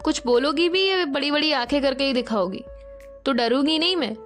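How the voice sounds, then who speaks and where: Sharp, teasing young woman teacher in an audio love story, read by a woman, higher voice. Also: normal speed, soft background music, lightly acted. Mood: scolding. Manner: teasing, scolding.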